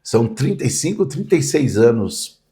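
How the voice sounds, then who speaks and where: A man's voice: medium pitch, sing-song, normal speed, mellow. A man, a pastor vividly telling stories in a podcast interview. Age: 60s. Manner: vivid storyteller, acts out quoted voices.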